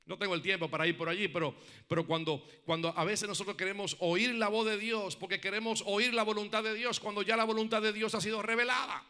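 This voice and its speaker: A man preaching a sermon who calls on the congregation to respond, asks many rhetorical questions, and swings from loud emphatic peaks to quiet, reflective passages. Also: sits high, steady tone, fast talker, smooth. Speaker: pastor.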